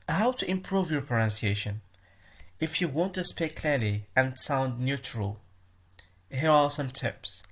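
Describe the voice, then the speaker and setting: A man's voice: mid-range voice, fairly bright tone. Man hosting a pronunciation lesson. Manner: explanatory, often restarts and corrects himself. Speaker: podcast host.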